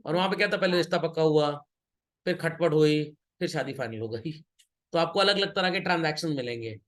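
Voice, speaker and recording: A man's voice: fairly high pitch, brisk, a bit bright. A man teaching an accountancy class, joking and teasing his students as he works through problems, switching between Hindi and English. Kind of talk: classroom lecture.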